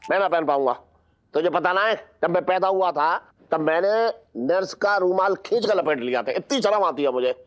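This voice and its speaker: A man's voice: high voice, normal speed, muffled recording, lightly acted. An actor playing a shy man who stammers bashful protests in a comedy TV serial. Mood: flustered. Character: shy middle-aged man refusing a towel.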